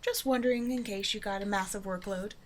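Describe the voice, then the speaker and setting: Speaking a little fast at medium pitch, the woman keeps her intonation fairly even and sounds close to everyday speech, over a faint hiss or hum. Her role is a self-assured, flirtatious supervillain, a tailor's demanding but generous client, casually teasing the listener in an intimate roleplay drama.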